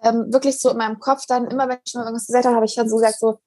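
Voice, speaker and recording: A young woman speaking as a podcast guest, talking earnestly and reflectively, with frequent pauses and restarts. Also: fairly high pitch, level tone, mellow, no echo. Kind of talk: casual interview conversation.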